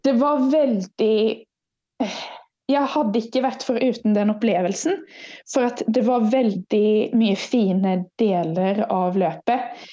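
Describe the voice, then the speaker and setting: Speaking from a student room over a video call with dull, lo-fi sound, a young woman ultrarunner guests on a casual interview. She has a medium-pitched, dark-toned voice and tells stories while acting out her own past remarks.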